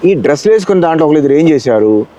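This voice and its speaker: A man's voice: a little high, rapid-fire. A man, a mimicry artist telling stories animatedly in an interview. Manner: animated storyteller who often acts out quotes. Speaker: mimicry artist and ventriloquist guest. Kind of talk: casual storytelling interview.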